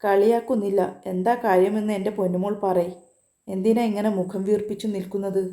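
A woman voicing an affectionate young man who teases playfully and comforts gently. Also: mid-range voice, level tone, a little fast, lightly acted. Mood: teasing. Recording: roomy echo.

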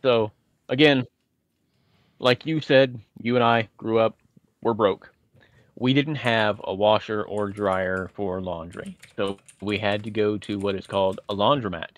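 A man's voice: lowish voice, fairly even intonation, a little slow, dry recording. A man from Indiana, podcast co-host, telling chatty, winding stories with self-deprecating asides. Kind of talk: casual nostalgic storytelling.

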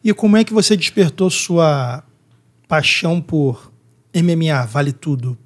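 A man's voice: fairly high pitch, animated, measured pace. A man hosting a podcast, asking casual questions and reacting with short, eager interjections. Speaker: podcast host.

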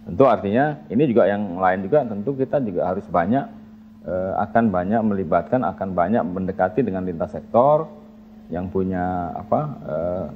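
A man speaks as a health official in an interview, measured and halting with frequent filler pauses. His voice sits low. The recording sounds muffled, with a faint hum underneath. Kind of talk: interview answer.

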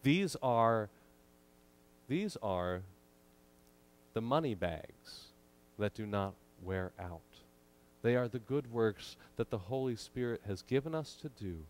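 A pastor in his thirties preaches from a church pulpit into its microphone, his medium-pitched voice measured and emphatic, with frequent pauses.

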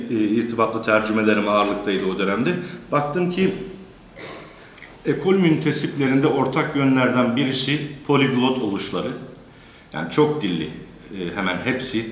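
A man of middle pitch lectures in an echoey room, with faint hum behind him. He talks hesitantly, with many drawn-out fillers. He keeps a polite tone toward the teachers listening. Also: expressive. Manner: courteous, addresses teachers in the audience. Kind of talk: academic lecture.

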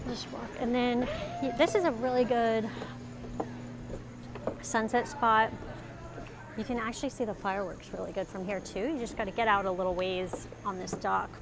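There's vocal fry in this woman's medium-pitched voice as she chats her way through a live, meandering night tour of a waterfront village, correcting herself along the way. She films on a phone while walking, and loud music from bars and live bands fills the background noise.

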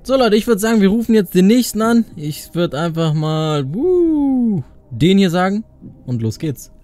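Lively, higher-pitched young man gaming host. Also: unhurried. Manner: informal, playful, excitable. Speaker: gaming video creator and host. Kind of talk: casual gaming chat in youth slang. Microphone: studio condenser microphone up close. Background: faint music.

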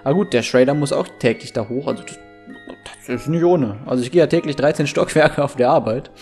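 A man's voice: mid-range voice, a little fast, a little mellow. A young man giving casual commentary as he plays through a game. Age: young adult. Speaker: let's player. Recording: game music faintly behind.

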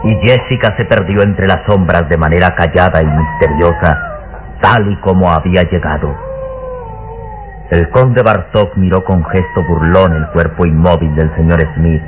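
A man's voice: deep voice, normal speed, close to an everyday voice. A man narrating a gothic radio serial like an old serial announcer, solemn, theatrical and full of suspense. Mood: solemn, suspenseful. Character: grave storyteller of a gothic adventure serial. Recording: dull, noisy old radio recording.

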